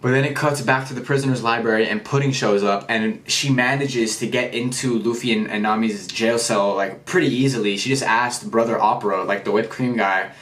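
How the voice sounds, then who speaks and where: A young man gives a casual, excitable chat review, full of slang and the odd curse word. His voice sits at an ordinary pitch, and a roomy echo surrounds him. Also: a little fast, hardly any pauses. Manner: slangy, excitable, swears freely. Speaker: anime and manga reviewer.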